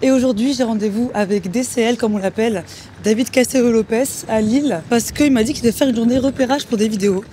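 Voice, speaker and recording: A man hosting a walking chat show, upbeat and teasing in quick back-and-forth. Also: very high voice, mellow, a little hiss or hum. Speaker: host. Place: outdoors on city streets.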